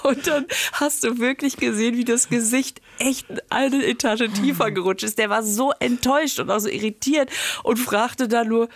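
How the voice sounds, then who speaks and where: A woman's voice: a little high, moderate pace, dry recording. A woman comedian telling a funny story in casual chat, acting out the voices and laughing often. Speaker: comedian and podcast guest.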